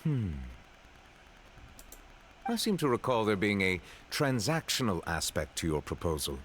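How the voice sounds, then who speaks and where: A man's voice: on the low side, sing-song, a little slow, fairly bright tone, a little hiss or hum. A man voicing a reserved, formal chief judge in a video game who speaks in a stately, carefully worded way. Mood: grave.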